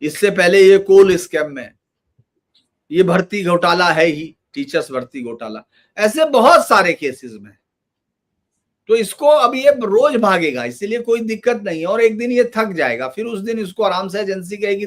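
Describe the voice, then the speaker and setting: A man's voice: high voice, lively intonation, normal speed, a bit bright. A man giving emphatic political commentary in a loose, run-on conversational manner.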